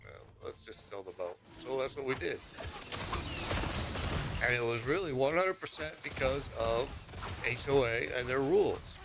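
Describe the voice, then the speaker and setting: A gravelly-voiced middle-aged American man chats casually while streaming a game and rants with exasperation, sometimes mimicking other people. His voice sits at an ordinary pitch, and a steady hiss of noise runs under the recording. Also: normal speed, long pauses. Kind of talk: casual rant while gaming.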